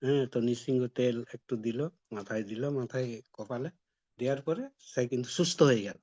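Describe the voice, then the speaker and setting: A man's voice: medium pitch, fairly quick, mellow. A man giving a devotional talk, telling a personal story in a conversational way. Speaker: devotee preacher. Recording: dull lo-fi recording.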